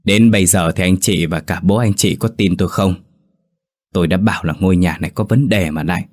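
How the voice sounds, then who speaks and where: A deep-voiced man reading an older grandmother, stern and insistent. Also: a little fast, a little mellow. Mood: scolding. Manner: scolding, insistent.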